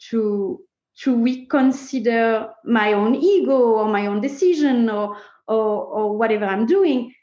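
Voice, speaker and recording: In a casual interview, a woman startup co-founder speaks emphatically in startup buzzwords, her English phrasing non-native. Her voice is fairly high with a darkish tone. The room sound is muffled and echoey.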